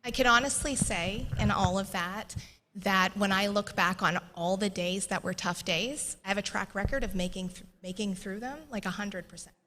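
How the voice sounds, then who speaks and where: A woman sharing a personal faith testimony in a church interview, earnest and animated, laughing often as she tells it. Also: medium pitch, normal speed. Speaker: guest sharing her testimony. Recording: long echoey reverb.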